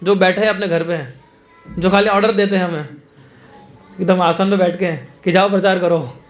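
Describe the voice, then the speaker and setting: Brief: a preacher putting on a cross young male saint, high-pitched, protesting the blame. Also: fairly even intonation, moderate pace, soft background music, lightly acted. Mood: indignant. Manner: indignant, complaining. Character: exasperated young male saint scolding back.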